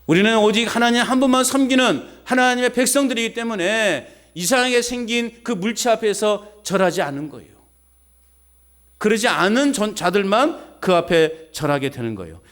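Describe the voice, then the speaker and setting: A high-pitched male preacher delivers an animated sermon at normal speed. He asks folksy rhetorical questions and draws call-and-response from the congregation.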